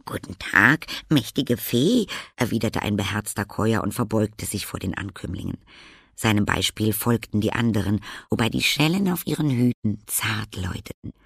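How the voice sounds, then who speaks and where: A man reading a fairy-tale audiobook aloud in a measured, expressive way. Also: on the low side, vocal fry, breathy edge, no echo, studio quality. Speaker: narrator.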